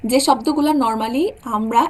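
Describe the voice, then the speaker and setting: A woman's voice: fairly high pitch, moderate pace, darkish tone. A young woman teaching a German class, explaining rules step by step and often checking that her students follow. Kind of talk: online class lecture.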